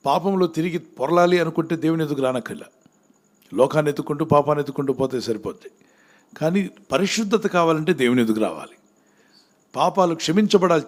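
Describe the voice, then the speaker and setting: Preacher quizzing his congregation. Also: fairly high pitch. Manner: asks the crowd questions and presses them to answer louder. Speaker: pastor. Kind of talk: sermon with call-and-response questions to the congregation.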